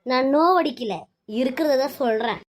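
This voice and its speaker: A woman's voice: high-pitched, normal speed, natural voice. A woman voicing a domineering middle-aged mother-in-law who scolds and wails melodramatically. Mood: scornful.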